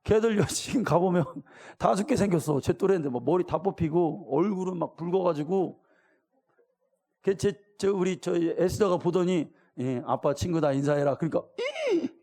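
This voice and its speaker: A middle-aged pastor delivers a lively sermon in a gravelly, somewhat high voice. His tone is dark and mellow. He talks to his congregation in plain, colloquial words and keeps asking them questions. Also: moderate pace. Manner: colloquial, animated preaching with direct questions to the congregation; acts out voices of the people in the story.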